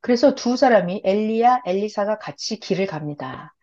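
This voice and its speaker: A woman's voice: medium pitch, moderate pace. A woman preacher retelling a Bible story in a sermon and acting out the characters' lines. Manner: acts out the characters' lines in lively voices. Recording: dull lo-fi recording.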